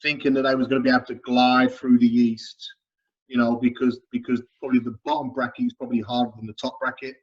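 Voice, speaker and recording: A man's voice: mid-range voice, quick pace, husky. A man chatting casually about basketball on a podcast, repeating words as he goes. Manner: stumbling, repeats words, animated. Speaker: podcast panelist. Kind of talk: casual sports chat. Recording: dull lo-fi sound.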